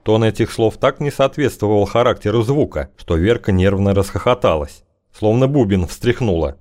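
A man reading an audiobook in measured, wry scripted narration. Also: fairly low pitch, lively intonation, darkish tone.

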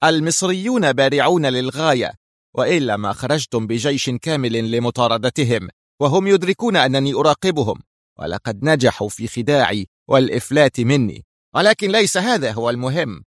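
A man voicing a cold, sharp-tongued female agent who speaks with stern, cutting precision. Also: mid-range voice, animated, brisk, no room sound, clean studio sound, close to an everyday voice. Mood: icy stern.

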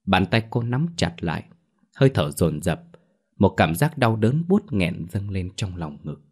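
A man narrating a story in a steady, even reading voice. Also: low voice, a little slow, breathy edge.

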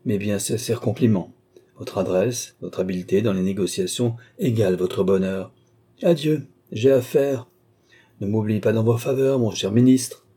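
A man's voice: fairly low pitch, normal speed, warm tone, slightly rough. A man reading the part of a scheming old male marshal at court, with silky, ironic courtesy. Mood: sly.

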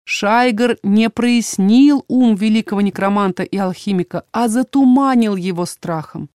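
A woman with a medium-pitched voice narrates a fantasy audiobook in the first person, measured and expressive. She's close to the mic, and the recording is dry.

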